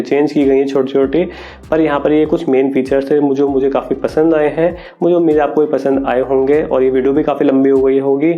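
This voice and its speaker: A young man with a chatty, relaxed manner, casually explaining phone features in a vlog and thinking aloud as he goes. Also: mid-range voice. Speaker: tech YouTuber. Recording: dull lo-fi audio.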